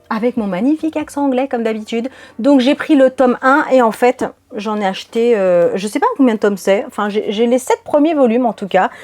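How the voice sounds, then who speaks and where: A woman's voice: fairly high pitch, a little mellow. A woman vlogger chatting through her latest manga purchases and reading the blurbs on the back aloud. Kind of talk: casual manga haul video.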